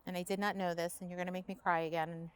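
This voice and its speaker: A woman's voice: on the low side, level tone, rapid-fire, clean tone, no echo. A woman hosting an interview, asking reflective, rambling questions and sharing her own story in a casual chat. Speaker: interview host.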